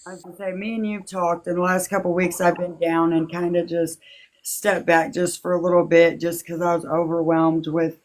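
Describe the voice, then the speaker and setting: A woman speaking as an interview guest, recalling personal matters in a halting, heartfelt, casual way. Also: lowish voice, rough recording. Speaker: interview guest, victim's relative.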